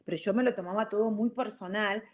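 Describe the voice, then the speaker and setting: A woman's voice: medium pitch, fairly even intonation, fast talker. Chatty Rioplatense woman with "ok?" tags. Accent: Rioplatense Spanish. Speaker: live stream host. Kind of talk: casual talk on self-growth.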